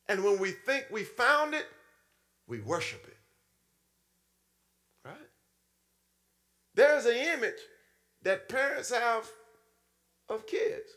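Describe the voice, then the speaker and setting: A man preaching a sermon in a style, calling out to the congregation and acting out little scenes in swooping voices. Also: a bit bright. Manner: call-and-response preaching, frequent "Hmm?" to the congregation; acts out voices with sudden high swoops and low drops.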